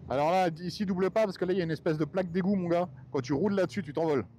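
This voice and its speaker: A man's voice: sits high, fast talker, warm tone. A man riding along and chatting, teasing and giving riding tips, talking inside a motorcycle helmet through a helmet mic. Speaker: fellow rider. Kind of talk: casual chat while riding. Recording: road and wind noise.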